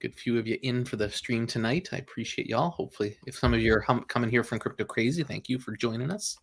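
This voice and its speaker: A man's voice: mid-range voice, fast, creaky, slight background noise. A man hosting a casual livestream chat, rambling with many fillers and apologies, and laughing often. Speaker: livestream host.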